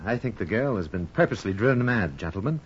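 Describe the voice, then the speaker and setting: An actor playing an earnest middle-aged doctor who speaks gently and soothingly, in 1940s radio acting on a muffled old transcription. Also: male voice, on the low side, expressive, quick pace, slight background noise, close to an everyday voice. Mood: concerned.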